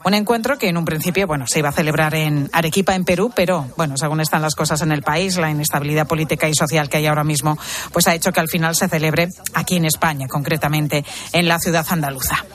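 A woman presenting a radio news feature in a lively, conversational way. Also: low-pitched, fast talker.

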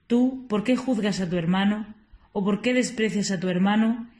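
A woman reading scripture and prayers aloud for a morning liturgy, in a measured, steady way with small slips now and then. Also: medium pitch. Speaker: liturgical reader.

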